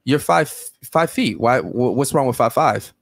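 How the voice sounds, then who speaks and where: A man's voice: medium pitch, lively intonation, unhurried, gravelly, no room sound, clean studio sound. A young adult man hosting a podcast, questioning guests in a blunt, crude, teasing way. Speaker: podcast host. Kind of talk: blunt questioning panel talk.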